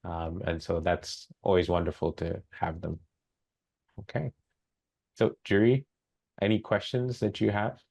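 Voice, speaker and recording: A man moderating an online pitch event in a relaxed, loose way, calling on the jury over a video call. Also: a little slow, creaky, pauses often.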